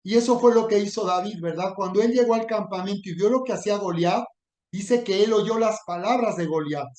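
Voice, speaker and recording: A man's voice: sits high, a little fast, darkish tone, reverberant. A man preaching a sermon, retelling a story and voicing mocking taunts with dramatic emphasis.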